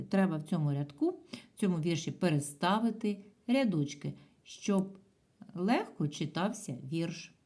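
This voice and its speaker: A woman teaching a primary school lesson by video, patient and clear in a sing-song teacher's way. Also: mid-range voice, dark tone. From Ukraine. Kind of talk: video lesson for young pupils.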